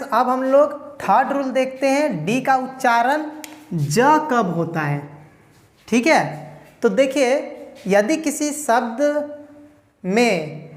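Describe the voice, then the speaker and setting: A woman's voice: high voice, expressive, measured pace, pauses often. Woman teaching pronunciation in an echoey room. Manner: explains step by step, asks and answers her own questions. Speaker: English teacher. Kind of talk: pronunciation lesson.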